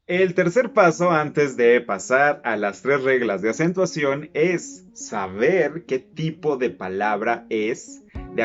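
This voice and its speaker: A man's voice: medium pitch, muffled recording. A man teaching casually, stretching words out syllable by syllable to show how they sound. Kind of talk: casual explainer lesson.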